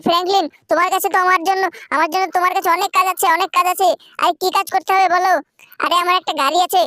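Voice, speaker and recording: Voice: very high voice, bright, forceful tone, no echo, clean studio sound. A performer voicing a boastful shop owner who bargains over car jobs in a game video.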